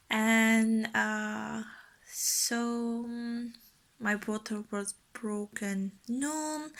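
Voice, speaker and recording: A young woman, not a native English speaker, slowly telling her own story in a halting way with soft breathy asides. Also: a little high. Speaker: new mother telling her birth story. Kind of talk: casual personal storytelling.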